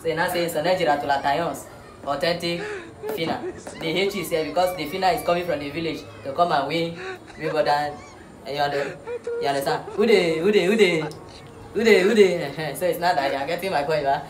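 A woman's voice: low voice, steady tone, a little fast. A woman giving a joking spelling lesson, playful and repetitive, laughing often. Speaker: comic host. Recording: roomy echo.

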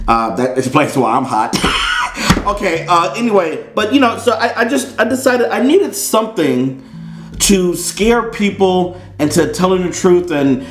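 In a small indoor studio set with roomy, echoey acoustics, a middle-aged man with an American accent hosts a comedic, casual unboxing with theatrical playfulness. His voice is high-pitched and animated, and he keeps a measured pace over faint background music.

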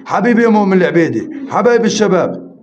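High-voiced pigeon auctioneer. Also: male voice, very animated. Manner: rapid bid counting and urging viewers. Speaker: live auction host. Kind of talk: live-stream pigeon auction calling. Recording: roomy, slightly dull live-stream audio with faint noise.

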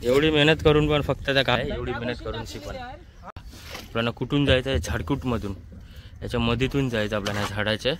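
Filming on a handheld phone aboard a small open boat on a creek, this vlogger with a Mumbai accent chats casually and repeatedly directs viewers' attention to things. His mid-range voice runs a little fast, and crowd noise fills the noisy outdoor recording.

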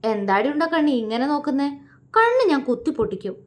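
A woman's voice: on the high side, lively intonation, normal speed, darkish tone, natural voice. A woman voicing a playful young man who teases and comforts his beloved in a romance story. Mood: teasing. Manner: teasing and affectionate. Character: playful, teasing young man, tender lover.

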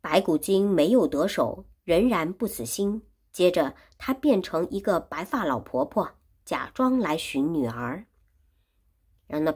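A woman's voice: on the low side, husky. A woman teaching Chinese who retells a classic story in simple words and repeats and explains each phrase. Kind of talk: storytelling lesson.

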